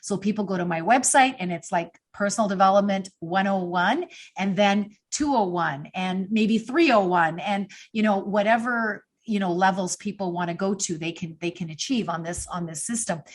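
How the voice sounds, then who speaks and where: A woman's voice: medium pitch, normal speed, few pauses. A middle-aged woman guest in a casual interview, talking in an effusive, upbeat way with lots of fillers. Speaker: podcast guest.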